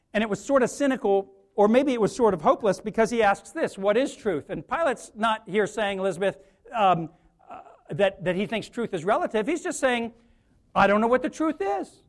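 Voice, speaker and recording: A male pastor delivering a sermon, rising into emphatic preaching and putting questions to the congregation. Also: sits high.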